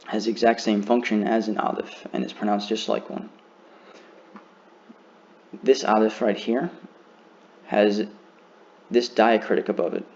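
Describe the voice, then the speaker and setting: Male teacher, low voice, slow careful beginner lesson, muffled recording. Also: fairly even intonation, a little mellow. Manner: slow, careful demonstration of pronunciation.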